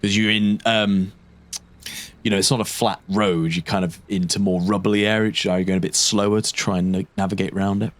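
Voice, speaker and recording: A man narrating a tabletop role-playing game as game master, describing scenes deliberately and sometimes correcting himself. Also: fairly low pitch, little pitch movement.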